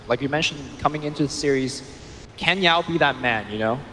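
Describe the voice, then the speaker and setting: A man giving measured esports analysis as a color commentator. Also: on the high side, bright, forceful tone, a little hiss or hum.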